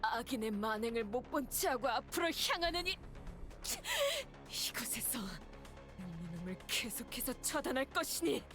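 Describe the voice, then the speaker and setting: A woman's voice: fairly high pitch, animated, very fast, music in the background, close to an everyday voice. A woman playing an earnest, idealistic young knight-errant heroine in a game, impassioned and archaic in her phrasing. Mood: righteous resolve. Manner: old-fashioned chivalrous phrasing, impassioned. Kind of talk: dramatic game voice acting.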